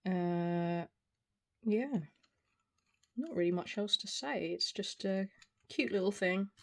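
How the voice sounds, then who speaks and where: Slow and medium in pitch, this forty-something video reviewer talks through a product casually and without a script, hesitating and rambling. Small clicks and clear background noise run through the audio.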